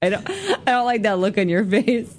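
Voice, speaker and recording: A woman co-hosting a radio morning show, animated and giggly in playful banter. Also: a little high, normal speed. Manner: giggly, animated, mock-sultry reading. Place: radio studio. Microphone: studio mic.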